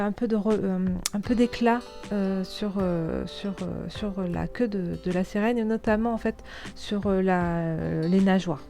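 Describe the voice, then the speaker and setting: A woman narrating a craft tutorial in a casual, hesitant way, with many pauses and restarts. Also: medium pitch, dark tone. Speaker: scrapbooking tutorial host.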